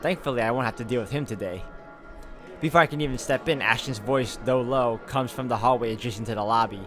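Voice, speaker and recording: A video game walkthrough host reads visual novel narration and comments loosely, speaking quickly in a mid-range voice that's a bit bright. Game music plays in the background.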